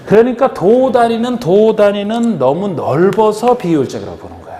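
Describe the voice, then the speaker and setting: In an echoey lecture hall with faint noise, a man teaches a real estate agent exam class, coaxing his students with question after question. His voice is high-pitched yet dark in tone, with lively intonation and normal speed.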